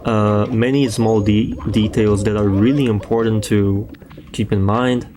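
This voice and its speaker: Over a noisy background, a young Brazilian man, a native Portuguese speaker with a Brazilian Portuguese accent, casually talks through a game speedrun tutorial. His voice is on the low side and a little slow, and he is relaxed and loose, with frequent fillers and the occasional swear.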